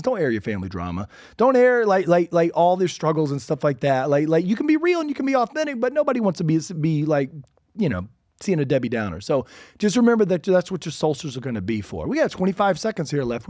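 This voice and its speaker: A man hosting a real estate podcast, talking in an energetic, chatty way full of asides. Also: a little high, dry recording, clean studio sound. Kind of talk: casual instructional podcast talk.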